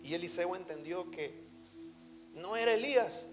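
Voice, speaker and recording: A man's voice: sits high, expressive, normal speed. A man preaching a sermon as a pastor, in an emphatic, fervent manner. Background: soft music.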